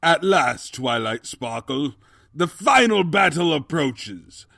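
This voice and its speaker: A man's voice: a little high, sing-song, slow, vocal fry, fairly bright tone, no echo, studio quality, heavily acted. A man playing an evil, scheming, cowardly pony king in a comedic audio drama, pompous and melodramatic. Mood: grandiose menace. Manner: pompous, melodramatic, slipping into evasive excuses. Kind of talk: comedic fan fiction audio drama acting.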